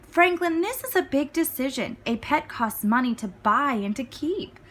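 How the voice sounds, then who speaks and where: Woman voicing a bright, measured storybook turtle parent. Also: high-pitched, lively intonation. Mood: serious. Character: caring, cautious turtle parents of a small child.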